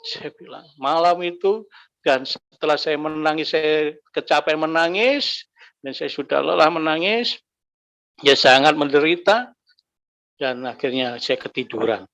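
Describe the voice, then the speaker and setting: A man telling his personal faith testimony, emotional, his voice climbing high when he recalls anger and grief. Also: a little slow, pauses often, a bit bright. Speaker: guest giving a testimony. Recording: dull lo-fi recording.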